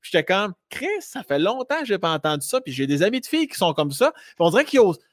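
A Québécois man trades playful jokes on a podcast. His voice is fairly high and very animated, and the sound is dry, with no room around it. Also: fast talker, dry recording. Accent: Québécois French. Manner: playful, joking. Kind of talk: casual podcast chat.

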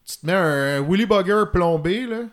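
A man's voice: high-pitched, lively intonation, moderate pace. A man with a Quebec French accent explaining fly-fishing gear in casual chat, in detail and with many fillers. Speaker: fly-fishing guest expert.

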